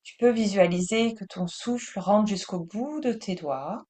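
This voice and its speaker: A woman with a French accent teaching breathing and meditation in a calm, soothing manner. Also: medium pitch. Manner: slow, calm, soothing delivery.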